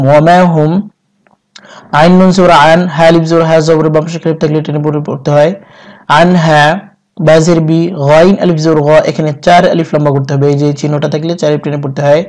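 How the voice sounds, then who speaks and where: Guy teaching quran reading step by step, smooth voice, pretty flat tone, draws out the recitation. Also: on the high side. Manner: steady, methodical, recites drawn-out and melodic. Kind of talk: spelling out letters and vowel marks, then reciting slowly.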